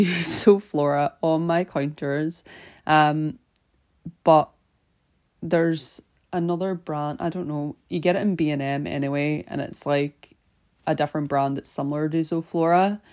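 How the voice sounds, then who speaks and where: A young Northern Irish woman with a faint Scottish lilt chats her way through a relaxed podcast. Her voice sits low and gravelly, with a mellow tone, and she rambles along with plenty of fillers. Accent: Northern Irish with a slight Scottish twang. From Northern Ireland. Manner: chatty and rambling, with many fillers and laughs. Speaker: podcast host. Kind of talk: casual cleaning podcast chat.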